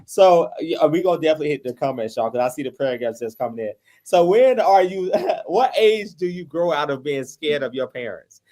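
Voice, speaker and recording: A man hosting a casual interview, relaxed and laughing while he talks directly to viewers. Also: a little high, brisk, hardly any pauses. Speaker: host.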